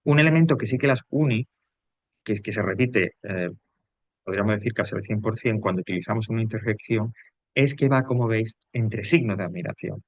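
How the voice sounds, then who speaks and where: A man's voice: fairly low pitch, a little fast, no echo. A man with a Peninsular Spanish accent explaining grammar as a teacher in a recorded lesson, hesitant, with frequent fillers and checking questions.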